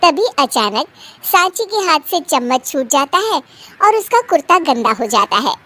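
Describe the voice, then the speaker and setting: A woman telling a family story as the narrator, in a simple, even storytelling manner. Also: high-pitched, normal speed.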